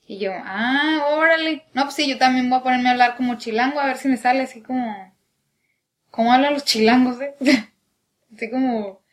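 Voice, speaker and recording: A young woman with a northern Mexican accent chats casually as a podcast co-host, her voice sitting high. She tells stories and slips into impressions of how other people talk. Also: steady tone, brisk. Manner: storytelling, mimics others' accents. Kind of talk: casual chat.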